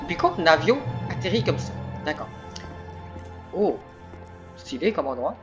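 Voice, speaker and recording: A man chats through his gameplay with jokey asides. His pitch moves up and down a lot. Game music and sound effects play behind his voice. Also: big pitch swings, a little slow, lo-fi sound. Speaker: let's play gamer. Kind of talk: casual gameplay commentary.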